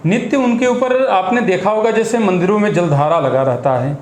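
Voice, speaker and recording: Measured, instructive man in an echoey room. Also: high-pitched, a little mellow. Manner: measured, instructive, with Sanskrit terms. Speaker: astrologer and priest guest. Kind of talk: explaining ritual practice. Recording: echoey room with faint noise.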